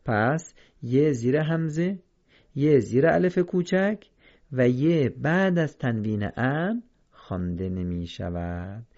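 A man with a gravelly, dark voice teaches a lesson on reciting the Quran. He goes slowly and carefully, repeating each example and contrasting correct and wrong readings. The recording sounds dull and lo-fi. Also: medium pitch, lively intonation.

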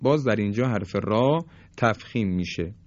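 A male teacher gives a calm recorded lesson on Quran recitation, explaining each rule patiently. He draws out the example words slowly and carefully. The sound is close and dry, with a dull, slightly muffled tone. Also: on the low side, dry recording. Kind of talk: recorded instructional lesson for listeners.

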